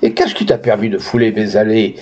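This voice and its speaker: A man's voice: on the low side, very animated, brisk, darkish tone, husky. A man playing a cruel, pompous rich landowner who bullies and boasts, in a dull lo-fi recording. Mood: furious. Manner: boastful, then furious and bullying.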